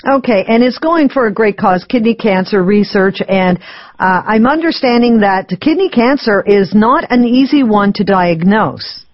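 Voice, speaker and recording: A woman hosting a radio interview, asking measured, friendly questions. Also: mid-range voice, expressive, dry recording, dull audio. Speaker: radio host.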